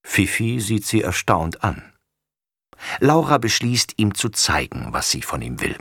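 A man reading a children's story aloud with lively, expressive narration. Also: fairly low pitch, unhurried, vocal fry, slightly rough, no echo, clean studio sound.

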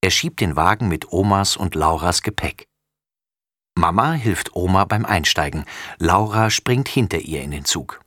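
Deep, lively male storybook reader. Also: unhurried, no echo, studio quality. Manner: expressive, lively. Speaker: narrator. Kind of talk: children's storybook reading.

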